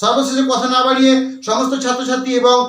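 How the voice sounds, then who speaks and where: A man's voice: very high voice, monotone, fast, fairly bright tone. A man teaches a YouTube language lesson. He repeats himself and spells words out letter by letter. The room around him is echoey.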